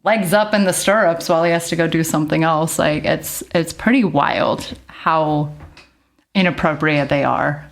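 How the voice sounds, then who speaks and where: A woman's voice: low-pitched, moderate pace. A woman guest on a podcast, talking in a rambling casual way with lots of "like". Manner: rambling, heavy use of "like", laughs often. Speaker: nurse practitioner and midwife guest.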